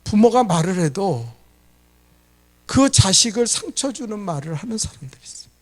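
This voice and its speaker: A middle-aged man preaching a sermon as pastor, animated, putting questions to his congregation. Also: sits high, moderate pace. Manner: animated preaching, asks the congregation questions and acts out quoted scolding.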